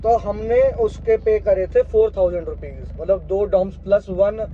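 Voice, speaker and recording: A young man talking casually to camera in a travel vlog, chatty and explaining costs step by step, mixing in English words. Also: sits high. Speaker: travel vlogger. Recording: slightly dull lo-fi audio with faint background noise.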